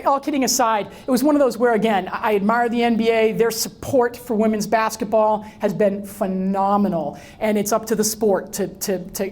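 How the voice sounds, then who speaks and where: A middle-aged woman giving a storytelling talk to an audience, speaking in a lively way and often repeating words as she restarts. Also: a little high. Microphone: wireless mic that drops out.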